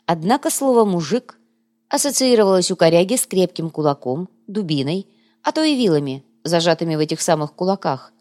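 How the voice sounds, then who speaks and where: A woman narrating an audiobook in a lively, character-driven reading. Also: lowish voice, fairly quick. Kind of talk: scripted narration.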